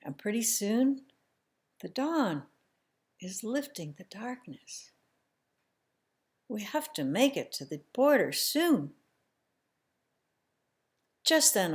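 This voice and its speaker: A woman with a fairly high-pitched voice tells a family story in the first person. She speaks slowly and emotionally, at times sinking to a hushed near-whisper.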